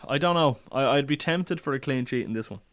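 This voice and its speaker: Smooth-voiced man talking football. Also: medium pitch, quick pace, a bit bright. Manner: chatty, hesitant restarts, opinionated. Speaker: podcast panelist. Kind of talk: casual football chat.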